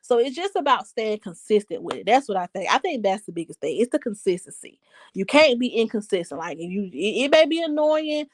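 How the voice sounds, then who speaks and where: A woman's voice: a little high, big pitch swings, brisk, no room sound. A woman host giving frank casual commentary on parenting and reading viewer comments aloud.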